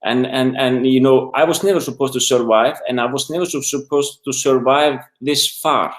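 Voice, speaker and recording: A middle-aged man from Iceland with an Icelandic accent, an interview guest talking haltingly in English, his second language, searching for words. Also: medium pitch, fairly even intonation. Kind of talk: casual interview talk. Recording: roomy echo.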